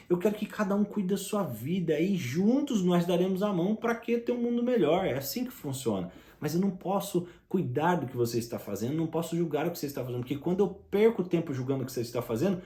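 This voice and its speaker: A man's voice: fairly high pitch, dark tone, roomy sound. A man giving an emphatic motivational talk, speaking straight to the listener and asking rhetorical questions.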